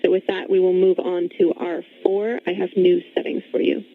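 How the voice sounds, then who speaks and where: A woman working as mission control communicator, speaking in measured, polite confirmations over a radio link. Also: lowish voice, little pitch movement, no echo. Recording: dry, narrow phone-like radio link.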